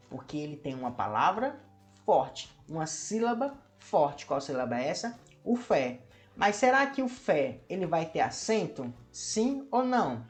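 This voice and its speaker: A man with a Brazilian Portuguese accent, a teacher explaining a lesson to camera and asking many rhetorical questions. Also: high-pitched. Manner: asks many rhetorical questions and addresses viewers as "meu povo".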